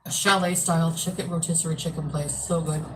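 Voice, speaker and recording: A woman's voice: sits low, steady tone, brisk, background noise. A woman chatting casually as a video host, telling a rambling story and acting out bits of conversation.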